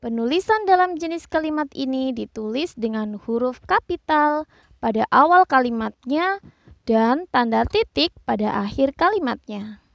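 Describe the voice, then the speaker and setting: A woman narrating a scripted grammar lesson, explaining slowly and carefully and reading out examples. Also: high-pitched, expressive, creaky, dry recording, dull audio. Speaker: teacher.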